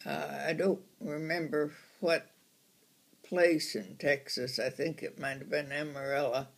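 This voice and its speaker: A very old woman of ninety-one reminisces casually in a halting, unhurried way, as someone being interviewed. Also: deep voice, steady tone, vocal fry.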